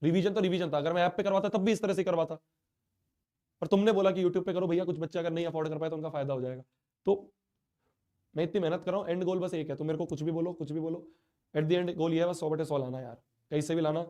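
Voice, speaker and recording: A man's voice: a little high, fairly even intonation, fast talker, dark tone. A man teaching a live online class, speaking in a hurt, earnest, pleading way while he has a sore throat and a stuffy nose.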